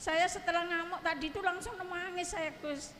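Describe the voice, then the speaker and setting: High-voiced Javanese woman in an echoey hall. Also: fairly even intonation, crowd noise. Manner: halting, repeatedly addresses him as Gus. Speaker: audience member asking a question. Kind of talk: telling a personal story to a cleric.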